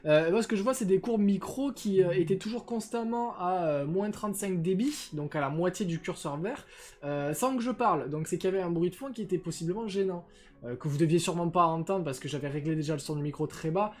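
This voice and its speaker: A man's voice: high voice, brisk. A young man streaming live, chatting casually and rambling with lots of hesitations and crude slang into a filtered desk microphone. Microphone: desk microphone with noise filters.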